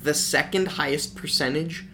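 A man's voice: fairly high pitch, normal speed, pushed and bright, slight background noise. A young man guesting on a casual podcast, rambling with lots of filler words. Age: young adult. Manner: rambling, many "like" fillers, crude jokes.

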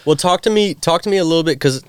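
Chill New York man, podcast host, smooth tone, dry booth sound. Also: on the high side, fast, no room sound. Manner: laid-back, lots of "yeah" and "word" backchannels. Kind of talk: casual chat.

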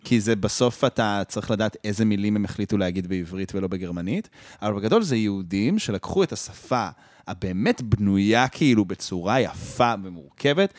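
A man's voice: lowish voice, expressive, no room sound, studio quality. An Israeli man with an Israeli accent in a casual, joking chat. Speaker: podcast speaker.

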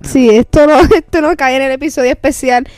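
A woman's voice: sits high, steady tone, a little fast, darkish tone, no echo, faint music behind. A Puerto Rican woman co-hosting a casual podcast chat in Spanglish, dropping English words into her Spanish. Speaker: podcast co-host.

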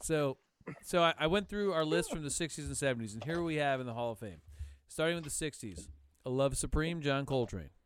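A man's voice: a little high, animated, brisk, slight background noise. A man hosting a casual podcast chat from home, laid-back, swearing casually and laughing often. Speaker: podcast host and band member. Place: home, over a video call.

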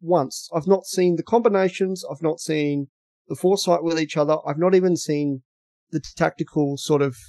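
A man's voice: a little high, steady tone, normal speed, dark tone, dry recording. An Australian man, a podcast contributor, giving blunt, rambling football analysis in casual chat, often repeating words.

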